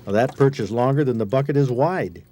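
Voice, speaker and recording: A man's voice: medium pitch, a little fast, noisy background. An American man narrates a scripted outdoor feature as a reporter and host, in a folksy, conversational way.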